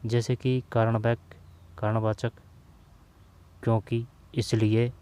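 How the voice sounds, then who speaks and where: Slow-paced male grammar teacher. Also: medium pitch, little pitch movement, warm tone, clean tone. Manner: slow, repeating terms to drill them, addresses students as brother. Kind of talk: Hindi grammar lesson, listing and repeating terms.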